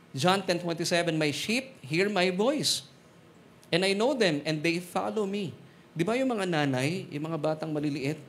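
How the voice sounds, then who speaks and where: A man with a Filipino accent preaching a sermon, mixing Tagalog and English, joking with the congregation and slowing down on Bible verses. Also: sits high, slight background noise. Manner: switches between Tagalog and English, jokes with congregation; slows to stress Bible verses. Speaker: pastor. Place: church hall.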